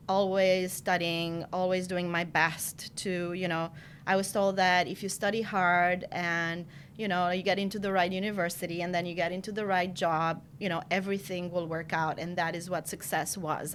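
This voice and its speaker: In a casual interview chat, a Romanian woman in her forties, a marketing director appearing as a podcast guest, talks through her career earnestly and reflectively, often saying "you know." Her voice is lowish with a fairly bright tone, and there's slight background noise.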